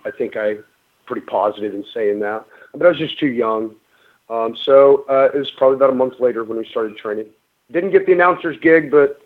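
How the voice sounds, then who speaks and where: A middle-aged man telling wrestling stories in a casual radio interview, rambling with lots of ums and restarts. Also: medium pitch. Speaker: guest, pro wrestler. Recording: narrow phone-like radio sound.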